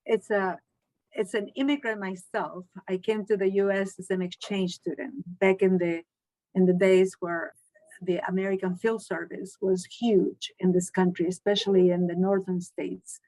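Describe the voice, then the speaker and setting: This middle-aged woman from Chile teaches Spanish and responds to an interviewer with earnest, deliberate answers full of restarts. Her voice sits mid-range with a dark tone and hardly any pitch movement, and the audio is poor.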